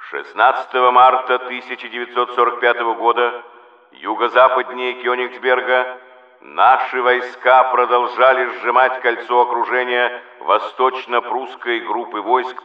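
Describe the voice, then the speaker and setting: A man delivers a military bulletin as a booming, solemn state announcer of 1940s radio. His reading is formal and declamatory, with weighty pauses. The sound is dull and echoing, like an old broadcast. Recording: dull roomy vintage radio recording.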